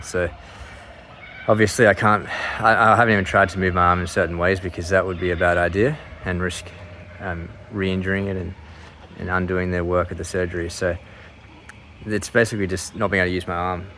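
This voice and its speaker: In a low, slightly bright voice, a man in his mid thirties gives his viewers a casual update on his surgery recovery. He rambles and hesitates, cutting into his own sentences, over a little hiss or hum.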